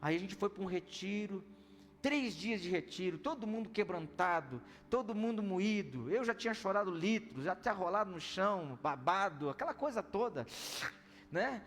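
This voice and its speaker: A man preaching a sermon as pastor, telling a story in an animated way that swings between loud and hushed. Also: sits high, moderate pace. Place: church service hall. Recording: reverberant church hall with soft music.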